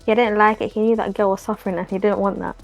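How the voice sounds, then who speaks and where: A woman reading a story aloud to friends, quickly and evenly. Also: mid-range voice, flat delivery, creaky, dull audio, faint music behind.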